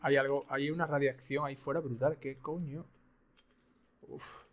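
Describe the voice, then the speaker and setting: A man commentating a video game, excitable and repeating his phrases. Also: mid-range voice, normal speed. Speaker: streamer. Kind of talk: gaming commentary.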